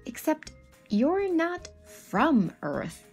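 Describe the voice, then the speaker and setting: Very slow and high-pitched, a woman in her thirties gives an expressive picture-book reading over soft background music. She addresses the children animatedly, mixing in questions and asides.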